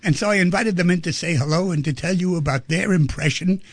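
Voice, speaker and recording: Radio host guy, gravelly husky voice, rambly and chatty, dry studio sound. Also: high voice, fast, no room sound. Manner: rambling, chatty, asks many questions. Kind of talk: casual radio talk.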